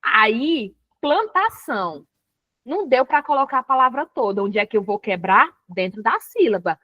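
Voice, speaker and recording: A Brazilian woman teaches a recorded spelling lesson, walking through each rule step by step and checking often that students follow. Her voice sits a little high. The recording is dry and close. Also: very animated, normal speed, no echo, dull audio. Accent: Brazilian Portuguese.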